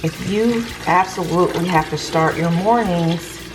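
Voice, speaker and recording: A woman's voice: on the low side, unhurried, background noise. A woman vlogging casually from her home kitchen in a groggy early-morning voice, chatting and rambling with fillers. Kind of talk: casual chat to camera.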